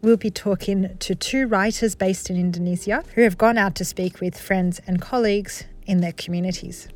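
A woman hosting a community radio current affairs program, reading in a measured, formal way. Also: medium pitch, fairly even intonation, a little mellow, faint music behind. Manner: measured, formal scripted delivery. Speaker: radio host.

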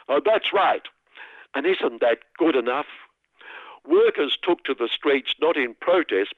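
A man's voice: medium pitch, no room sound. A man delivering scripted, sarcastic satirical commentary in mock outrage. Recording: dry, tinny radio line.

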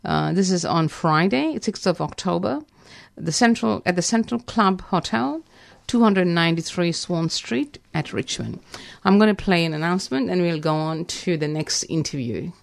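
A woman presenting live on AM community radio, reading announcements in a halting, stumbling way. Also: fairly low pitch, lively intonation, creaky. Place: radio studio.

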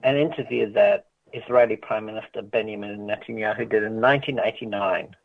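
Gravelly man on a tinny phone line. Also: fairly low pitch, lively intonation, brisk, no room sound. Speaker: activist interviewee. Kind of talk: explaining political context.

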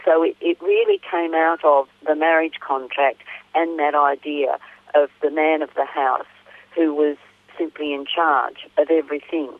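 Low-voiced woman on a tinny phone line. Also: dry recording. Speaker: interview guest, author and academic. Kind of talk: explanatory interview talk. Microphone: telephone.

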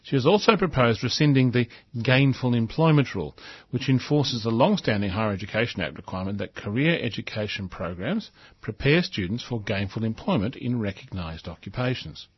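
A male talk show host on the radio reads a newspaper editorial aloud, adding earnest, emphatic comments of his own. His mid-range voice is animated, brisk and slightly rough, and the audio is dull with no echo.

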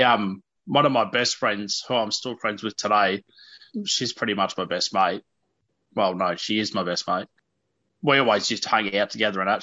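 A man's voice: fairly low pitch, sharp tone, no room sound. An Australian man in his early thirties speaking candidly as an interview guest, in an informal, hesitant and self-deprecating way. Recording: dull, lo-fi radio audio.

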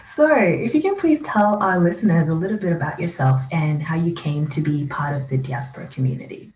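A woman's voice: sits low, a little fast, darkish tone. A woman hosting an interview, asking reflective questions and murmuring encouragement. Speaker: podcast host. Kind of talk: conversational interview. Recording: echoey room, faint hiss.

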